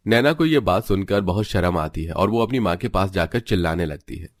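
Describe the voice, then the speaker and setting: A man narrating a cartoon story in a steady, scripted way. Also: deep voice, a little fast, no echo, studio quality.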